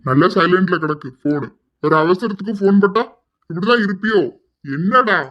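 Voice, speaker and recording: A man's voice: sits high, moderate pace, fairly bright tone. A man doing a bossy, scolding father. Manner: scolding, demanding answers. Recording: slightly dull lo-fi audio.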